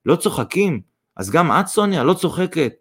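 A man voicing a talkative, excitable middle-aged mother who exclaims as she speaks. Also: on the high side, husky, pitched above the performer's own voice.

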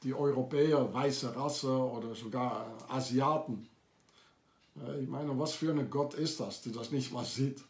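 Slow, insistent man in an echoey room. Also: medium pitch. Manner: accusatory, insistent, with hesitations. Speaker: video maker. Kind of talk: ranting monologue to camera. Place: lives in France.

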